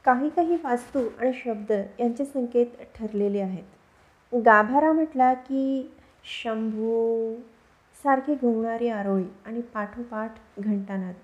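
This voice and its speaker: A woman reads a short story aloud with a high voice, measured and expressive. The recording sounds dull and lo-fi. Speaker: audiobook narrator. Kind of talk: scripted narration of a short story.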